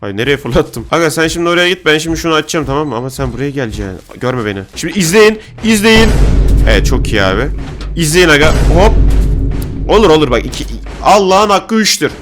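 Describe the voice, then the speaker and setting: A young man doing excited let's-play commentary on a horror game, loud and jokey, shouting at the game's characters. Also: a little high, quick pace. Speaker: gaming YouTuber. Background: game music.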